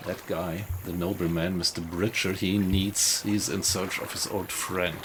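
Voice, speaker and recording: A man's voice: low-pitched, level tone, a little slow, background noise. A man giving casual gameplay commentary, musing to himself and asking himself questions as he goes. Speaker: gaming video host.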